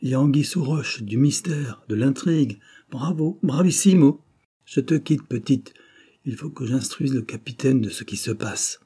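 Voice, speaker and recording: A man voicing a jovial, boastful old bandit captain who talks in a booming, teasing, theatrical way. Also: animated, moderate pace, mellow, husky. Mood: gleeful.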